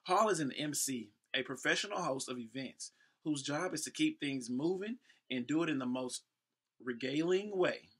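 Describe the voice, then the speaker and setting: Fairly high-pitched and lively in intonation, this American man moves at a moderate pace over slight background noise. He's a thirty-something host and professional event MC from Houston, Texas, reading aloud with playful asides, ad-libs and shout-outs.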